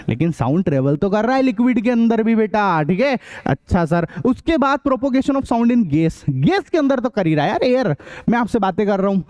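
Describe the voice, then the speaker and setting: A young man teaching a school science lesson in a lively, joking way, imitating sounds and voices as he explains. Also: high voice, muffled recording. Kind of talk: lively classroom lecture with jokes and sound effects.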